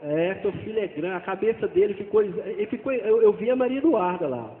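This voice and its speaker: A man with a fairly high voice gives an earnest personal testimony as a father. He speaks haltingly, stumbling and repeating phrases. The sound is tinny and phone-like, with a long echo from a big hall. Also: lively intonation. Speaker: father giving a church testimony.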